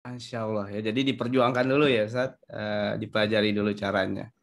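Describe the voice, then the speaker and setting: A man's voice: fairly low pitch, little pitch movement, brisk. A man moderating a webinar, politely thanking the speaker and handing over to the next question, heard over a video call.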